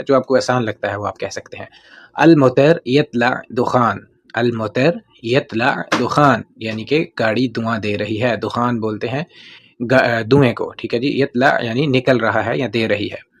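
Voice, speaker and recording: Man teaching Gulf Arabic phrases slowly. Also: medium pitch, slightly rough. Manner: says Arabic phrases slowly and repeats them, then explains in Urdu; often adds "theek hai ji" as a filler. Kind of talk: casual language lesson.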